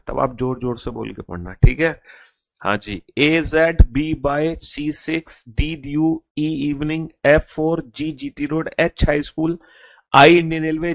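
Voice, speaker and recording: A man's voice: medium pitch, dry recording. A male English teacher giving an online class in Hindi, reassuring students and repeating his instructions in a coaxing way. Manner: coaxing, repetitive, calls students beta.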